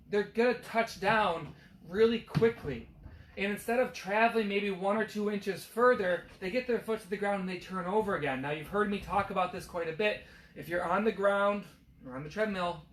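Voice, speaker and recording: Hoarse high-voiced physical therapist. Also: male voice, a bit bright. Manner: explains step by step, many fillers. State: losing his voice. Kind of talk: casual instructional talk. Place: on a treadmill. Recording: echoey room with faint background noise.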